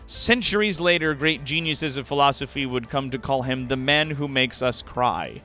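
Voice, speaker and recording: Faint music plays under a livestream where the host reads fan fiction with dramatic flair, pausing for sarcastic, profane remarks to the audience. His voice is medium-pitched, bright, and forceful, with lively intonation and a moderate pace.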